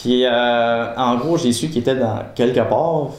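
A man with a Quebec French accent telling a personal story casually, animated, often laughing and acting out conversations. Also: medium pitch, unhurried. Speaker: guest giving a testimony. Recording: roomy with faint ambience.

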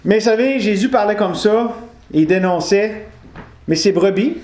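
A man preaching in a loose, conversational way, his voice sitting notably high for a man. He wanders into jokes and corrects himself as he goes. The sound is roomy and echoey, as in a hall. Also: normal speed, a little mellow, slight background noise. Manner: conversational, digresses with humor and self-correction. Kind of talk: informal sermon to a live congregation. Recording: roomy echo.

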